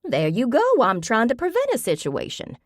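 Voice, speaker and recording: In a studio-quality audiobook recording with no room sound, a woman voices a stubborn, feisty old grandmother. Her voice sits on the low side and has a sing-song lilt, unhurried yet insistent, with an emphatic, folksy way of talking.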